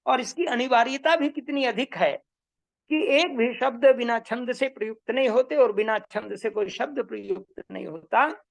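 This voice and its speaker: A woman giving a measured, emphatic lecture on Vedic meter, repeating her key points. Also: fairly high pitch, vocal fry. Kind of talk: slow explanatory lecture.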